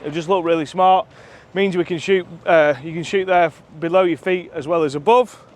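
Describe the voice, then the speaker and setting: This man's voice is a little high, with a steady tone and normal speed. Winded from the uphill walk, he chats enthusiastically, with plenty of ums, as he shows a filming companion around his shooting ground outdoors and then inside the clubhouse, the camera held by that companion.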